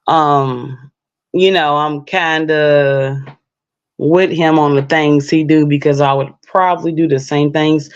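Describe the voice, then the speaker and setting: Slow, hesitant woman on a dull line. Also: deep voice. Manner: hesitant, many fillers and restarts. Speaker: guest caller. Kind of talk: casual live chat.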